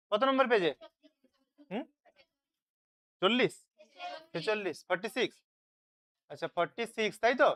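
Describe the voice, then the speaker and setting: Tutor, online revision lesson, smooth clear voice, asks and then answers. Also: medium pitch, fairly bright tone. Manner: asks questions and answers them himself, checks with "তাই তো?". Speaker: teacher. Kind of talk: online live class, question-and-answer revision.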